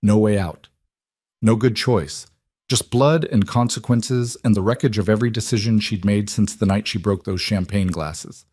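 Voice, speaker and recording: Low-voiced man narrating in terse sentences. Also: normal speed, darkish tone, dry recording. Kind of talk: scripted dramatic narration.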